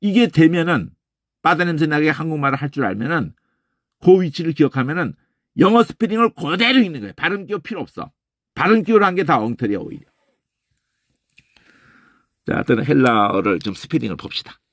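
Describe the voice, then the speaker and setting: A man teaching a lecture on Bible languages, talking casually and emphatically, repeating phrases and tossing in quick questions to his listeners. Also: no echo, clean studio sound. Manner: emphatic, lively demonstrating, repeats phrases with sudden pitch jumps; casual speech, trailing questions.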